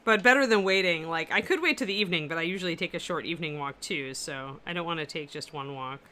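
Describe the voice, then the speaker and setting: A fast-talking woman with a low voice and a sharp tone streams herself painting miniatures from her apartment. She chats casually and answers comments from viewers, her powerful voice carrying easily.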